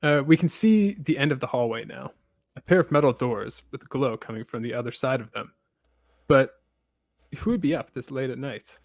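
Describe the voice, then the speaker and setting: A man hosting a podcast, recapping a story in a casual way with steady storytelling and dry asides. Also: mid-range voice, normal speed, vocal fry, no echo. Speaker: podcast host.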